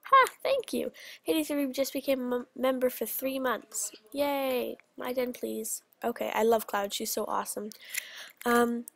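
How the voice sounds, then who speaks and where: A teenage girl hosting a casual video, chatting bubbly and quick while reading out game messages. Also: on the high side, lively intonation, vocal fry, a bit bright, no room sound. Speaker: channel host.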